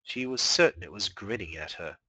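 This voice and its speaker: A man reading fan fiction aloud live in an expressive storytelling manner. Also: sits low, a little fast, slightly rough, no room sound, poor audio. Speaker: fanfiction reader.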